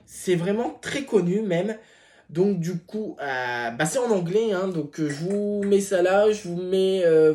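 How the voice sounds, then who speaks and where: A man's voice: sits high, a little mellow. A man hosting his tarot channel, chatting casually as he unboxes a deck, hesitant with many filler sounds and apologetic asides.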